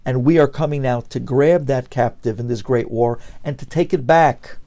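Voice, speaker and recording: A rabbi delivering a Torah lecture with real fervor. His voice is mellow and dark at a middle pitch, and he swings from forceful emphasis down to near-hushed lines, sprinkling in Hebrew phrases. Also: moderate pace. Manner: passionate, dramatic swings between loud and hushed.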